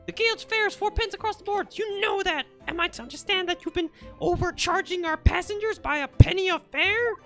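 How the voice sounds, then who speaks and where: Woman playing a shrill, bossy guildmaster. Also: brisk, soft background music. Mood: demanding. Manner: emphatic, scolding. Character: shrill, indignant omnibus guild boss, scolding and bossy. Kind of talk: hobby video game dub.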